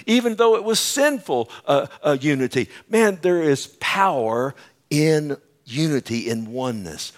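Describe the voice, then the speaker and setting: A pastor preaching a sermon at a pulpit microphone in a church, emphatic, putting questions to the congregation. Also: male voice, fairly high pitch, expressive, a little slow.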